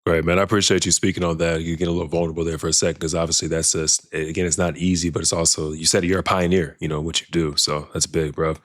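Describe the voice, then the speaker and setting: A young man hosting a podcast interview, laid-back and affirming, tossing in quick agreements as his guest talks. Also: sits low, flat delivery, dry recording, clean studio sound. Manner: laid-back, affirming, lots of short backchannels. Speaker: podcast host. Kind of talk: casual interview talk.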